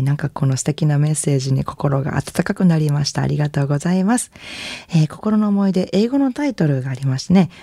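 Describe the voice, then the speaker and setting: A woman radio host and jazz singer with a Kansai accent, chatting in a relaxed, gently encouraging way between songs. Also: deep voice, creaky, husky, no room sound, studio quality. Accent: Kansai Japanese.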